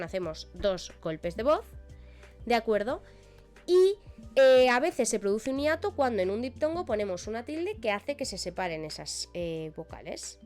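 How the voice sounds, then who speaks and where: A woman's voice: medium pitch, a little mellow. A woman with an accent from Spain, a Spanish language teacher explaining spelling rules on a live stream and often checking in with her listeners.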